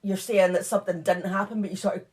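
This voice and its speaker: Her mid-range voice is steady and a little mellow, and she speaks quickly. She's a co-host on a true crime podcast, going over case details in a relaxed, filler-laden way with plenty of asides.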